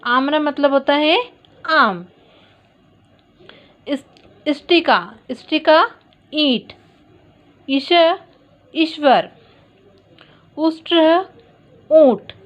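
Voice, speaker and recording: A woman's voice: high-pitched, dull audio. A woman teaching a recorded lesson to schoolchildren, explaining patiently step by step. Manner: slow, patient explaining to children.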